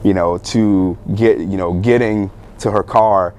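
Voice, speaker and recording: A young man, a guest on a talk show, telling his story in a loose, animated way, with many fillers and bursts of laughter. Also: deep voice, a little slow, smooth. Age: young adult. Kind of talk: casual storytelling interview.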